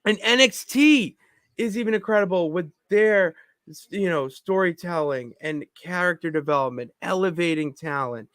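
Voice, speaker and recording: Brief: man, podcast co-host, excitable rambler who keeps restarting sentences, fairly high voice, dry close sound. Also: normal speed, no echo. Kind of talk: casual chat. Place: home basement.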